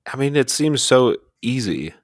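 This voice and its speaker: A man's voice: medium pitch, sing-song, measured pace, no echo, studio quality. A young man co-hosting a casual podcast chat, rambling through stories in a laid-back way. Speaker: podcast co-host.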